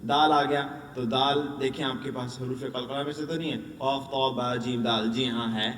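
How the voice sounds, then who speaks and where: A man's voice: medium pitch, fairly even intonation, fairly bright tone. A man training Quran teachers, drilling letter sounds and asking and answering his own questions. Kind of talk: instructional lesson. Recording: echoey room, distant mic, faint noise.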